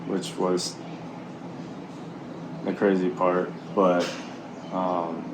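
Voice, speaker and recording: A man talking candidly and haltingly in a casual, reflective vlog while out walking. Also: low voice, little pitch movement, background noise. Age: middle-aged. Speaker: vlogger, military serviceman and former Marine. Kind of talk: casual walk-and-talk vlog.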